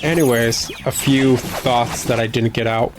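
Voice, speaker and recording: Unhurried man commentating on a game. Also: mid-range voice, fairly even intonation, over music. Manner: rambling, informal. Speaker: video game let's player. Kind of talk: casual gameplay commentary.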